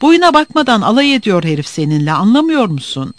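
A quick-tempered young man rages and scolds his friend, his voice high and jumping sharply up and down, as a storyteller puts him on. The sound is dry and close to the mic. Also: animated, dry recording. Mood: furious. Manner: scolding, shouting.

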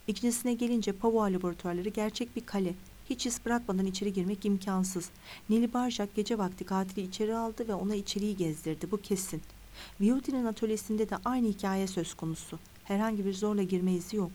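Give me an insistent, lecturing woman investigator, read by a woman in a soft, mellow audiobook voice. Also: mid-range voice, quick pace, slight background noise, close to an everyday voice.

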